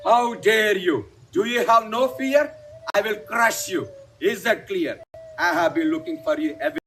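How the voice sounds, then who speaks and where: A man's voice: sits high, expressive, measured pace, a bit bright, faint music behind, low-quality recording. A man voicing Wali, an arrogant, mighty monkey king, boasting and threatening in rhyming storybook verse. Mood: menacing.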